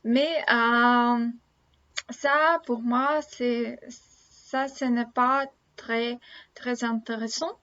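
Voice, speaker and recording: Woman in her thirties, Russian accent, higher-pitched voice, halting learner delivery, casual vlog monologue, dull lo-fi recording. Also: steady tone, pushed and bright. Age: 30s. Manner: halting, searching for words. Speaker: language-learning vlogger. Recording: dull lo-fi sound.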